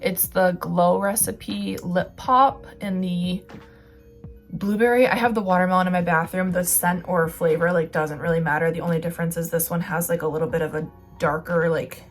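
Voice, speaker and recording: A young woman talks through her favorite products in a relaxed, rambling way, full of fillers and quick asides. Her voice sits a little low for a woman. Faint music plays underneath. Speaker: beauty vlogger. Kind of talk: casual product review.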